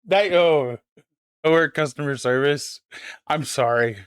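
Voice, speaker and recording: High-voiced man ranting on a stream. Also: measured pace, clear, resonant tone, dry recording, clean studio sound. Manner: ranting, emphatic and profane. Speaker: livestream host. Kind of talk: casual chat.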